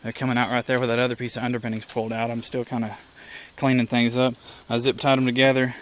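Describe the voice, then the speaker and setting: A hobbyist presenter talks fast in a mid-range, monotone, slightly bright voice, walking through something step by step in a plainspoken, folksy way. He's outdoors beside a house porch, with insects, birds and general outdoor ambience clearly audible.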